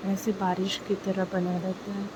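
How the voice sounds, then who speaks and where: A young woman chatting casually at home in a vlog, talking slowly and softly as she wakes up. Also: medium pitch. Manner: sleepy, slow and soft-spoken. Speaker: vlogger. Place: dim home at morning. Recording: steady background noise. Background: rain.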